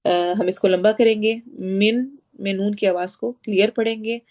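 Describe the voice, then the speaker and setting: A woman teaches a Quran recitation lesson in a voice of ordinary pitch. Her tone is instructive and patient. She pauses to ask her own questions, and she chants Arabic words slowly before moving briskly through each rule. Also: steady tone, darkish tone. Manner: drawn-out demonstrations of Arabic words between brisk explanations. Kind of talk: tajweed lesson explaining recitation rules.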